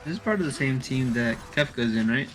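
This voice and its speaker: A man streaming a game live, chatting casually, reacting loudly and laughing often. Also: mid-range voice, expressive, a little fast, soft background music. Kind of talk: casual live-stream chat while gaming.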